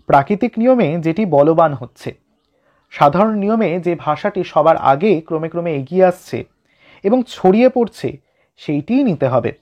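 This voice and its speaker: A man's voice: high-pitched, darkish tone, highs cut off. A man teaching an exam-prep literature lesson, explaining a text line by line and speaking directly to his students.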